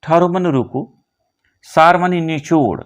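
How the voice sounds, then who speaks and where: A man teaching a poem line by line, slowly glossing word meanings one by one. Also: a little high, animated. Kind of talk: line-by-line poem explanation lesson.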